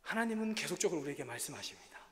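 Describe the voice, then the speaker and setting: A man's voice: fairly high pitch, sing-song, very fast, bright, forceful tone. A missionary man giving an earnest, confessional sermon testimony in a church. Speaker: missionary preacher. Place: church sanctuary. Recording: reverberant church hall, faint ambience.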